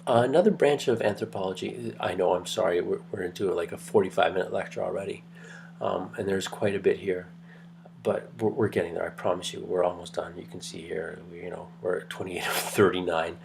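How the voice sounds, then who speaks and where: Late at night at home, a man of Greek heritage records an anthropology lecture, keeping his voice down. He rambles conversationally, full of ums and restarts. His low voice is gravelly and steady, fairly quick, with slight background noise.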